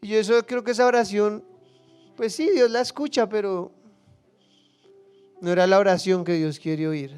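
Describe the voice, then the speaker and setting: A male pastor preaching a sermon with passion, dropping to hushed asides and then rising to loud, acted-out cries. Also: sits high, moderate pace, long pauses, clear, resonant tone, faint music behind. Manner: acts out biblical figures and prayers in quoted voices.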